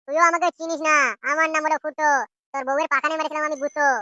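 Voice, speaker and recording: A man's voice: very high voice, level tone, racing, pushed and bright, no room sound, dull audio, pitched above the performer's own voice, exaggerated voice. A man voicing a cocky young male rogue in a comic cartoon, taunting his captor with rhyming threats. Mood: defiant taunting.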